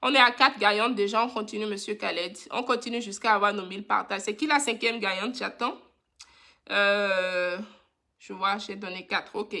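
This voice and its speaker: A woman's voice: mid-range voice, normal speed, sharp tone. A woman hosting a casual live stream, reading out giveaway winners and chatting affectionately with her viewers.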